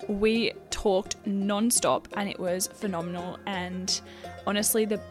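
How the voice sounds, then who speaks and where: A woman's voice: medium pitch, fairly even intonation, measured pace, soft background music. An Australian woman hosting a podcast in a casual, effusive, giggly way with plenty of swearing. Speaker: podcast host. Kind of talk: casual chat.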